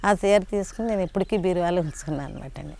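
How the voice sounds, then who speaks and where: An older woman telling personal memories in a polite, halting conversational way, often restarting her sentences. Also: on the low side, creaky, darkish tone. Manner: polite, frequent respectful "andi", halting restarts. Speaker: interviewee sharing devotional memories.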